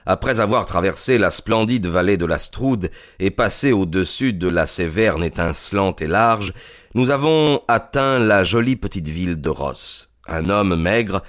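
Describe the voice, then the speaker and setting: Brief: low male narrator, measured delivery, dry close studio sound. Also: lively intonation, no room sound. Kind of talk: audiobook narration.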